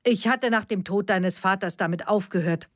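A woman's voice: medium pitch, normal speed, no echo, studio quality, close to an everyday voice. A woman voicing a nervous middle-aged mother who pleads and defends herself, read as part of an audiobook story. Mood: defensive. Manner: pleading, flustered.

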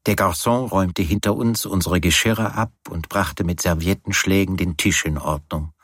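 A man reads a novel aloud in the first person, measured and understated. His voice sits very low and carries a slight husk. The recording is dry and close to the mic. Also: breathy edge, no room sound. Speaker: audiobook narrator. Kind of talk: scripted first-person narration.

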